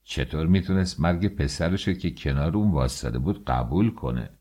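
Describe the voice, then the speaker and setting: With a very deep, somewhat dark voice, a man reads an audiobook aloud. He narrates the story and changes his tone to act out the quoted characters' dialogue.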